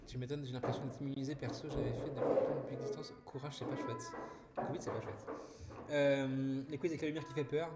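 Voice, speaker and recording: A man's voice: mid-range voice, flat delivery, fast talker, over loud music. Chatty male streamer in a roomy echo. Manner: chatty and warm toward chat, frequent restarts and "voilà". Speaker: streamer hosting an anniversary live. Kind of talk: casual live-stream chat, reading viewer messages. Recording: roomy echo with loud background noise.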